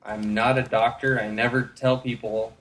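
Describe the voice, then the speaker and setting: A man in his thirties from the United States, a guest telling his own story in a casual interview, relaxed, with many fillers. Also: mid-range voice, normal speed, slight background noise.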